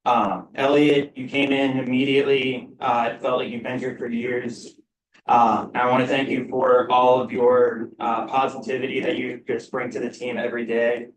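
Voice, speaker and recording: Young man's halting farewell speech. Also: mid-range voice, little pitch movement, slight background noise. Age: 20s. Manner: grateful, halting with many fillers. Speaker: senior athlete giving a speech. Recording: roomy, from a distance.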